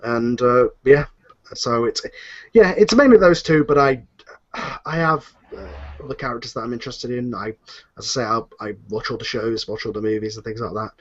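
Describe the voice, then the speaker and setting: This audio drama writer talks at a moderate pace in a medium-pitched voice. Eager and casual in the panel conversation, he wanders through his points, often restarting and filling pauses, all captured in muffled lo-fi sound.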